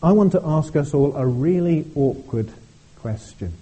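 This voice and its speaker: A man's voice: a little high, animated, mellow, slightly rough, rough recording. A man preaching a sermon at a church service, speaking earnestly and often repeating words as he goes. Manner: earnest, halting delivery with frequent repeated words.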